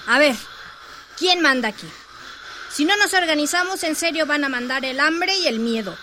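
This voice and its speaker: A woman's voice: high-pitched, lively intonation, normal speed, sharp tone, a little hiss or hum. A woman playing an outspoken, indignant internee in an audio drama, assertive and articulate as she urges others to organise. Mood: indignant, urging.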